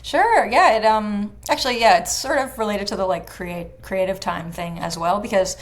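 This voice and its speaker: A woman's voice: mid-range voice, normal speed. A young woman, a fiddler, chatting casually in an interview with lots of "like" fillers. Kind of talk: casual conversation.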